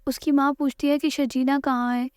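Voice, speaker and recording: A woman narrating a TV drama recap in a steady storytelling read from a script, addressing viewers directly. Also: high voice, dry recording, clean studio sound.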